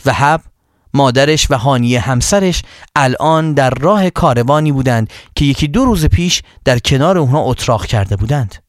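A man's voice: mid-range voice, expressive, no room sound, clean studio sound. Man telling a story to children.

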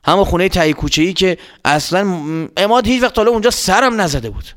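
A man with a fairly high voice narrating a children's story. He tells it expressively, speaking straight to young listeners and building suspense. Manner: lively, expressive, addressing children.

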